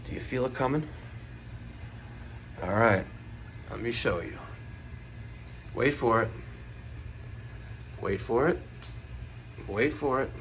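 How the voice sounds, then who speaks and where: A man in his forties, a plumber with a New York accent, talking to viewers in an animated, hyped way while filming himself on a phone in a house basement. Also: mid-range voice, a little hiss or hum. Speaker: plumber and heating technician. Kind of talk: on-the-job vlog narration. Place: house basement boiler room. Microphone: phone camera at arm's length.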